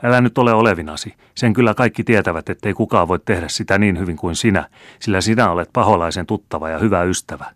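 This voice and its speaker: A frantic, half-mad old peasant woman, as a male reader puts her on, gushes in a raised, shrill voice. The sound is close and dry, with no room around it. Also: no echo, natural voice. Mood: excited. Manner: eager, shrill, gushing.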